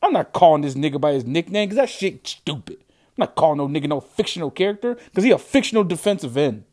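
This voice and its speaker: An upset sports fan rants angrily and profanely about his football team's losses, repeating himself as he vents. His voice is on the high side and darkish, and he talks fast with a very animated delivery.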